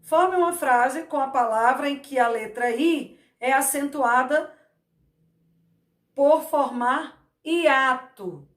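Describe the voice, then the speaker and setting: A woman teacher explaining grammar slowly, repeating words to stress their syllables. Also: high voice, a bit bright. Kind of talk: Portuguese grammar lesson. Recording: echoey room.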